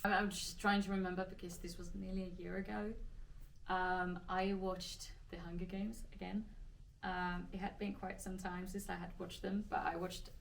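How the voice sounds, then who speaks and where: A woman's voice: lowish voice, flat delivery, normal speed, vocal fry, recorded from a distance, slight background noise, rough recording. A woman from Finland with a Finnish accent, answering Q&A questions in a chatty, hesitant way with many restarts. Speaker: actress. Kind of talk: casual Q&A answers.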